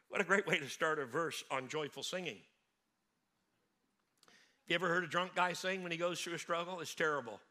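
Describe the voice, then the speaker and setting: A middle-aged man preaching a sermon as pastor, animated and acting out scripture scenes with playful asides. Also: on the high side. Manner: animated, acts out Bible scenes in voices.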